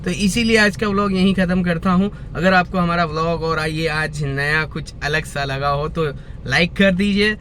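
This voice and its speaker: A man vlogging slowly and earnestly about faith, repeating his points and reciting devotional verse, with a lingering cough that keeps breaking in. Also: fairly high pitch, a bit bright, a little hiss or hum. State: lingering cough, clears throat often. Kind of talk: slow reflective religious talk to camera.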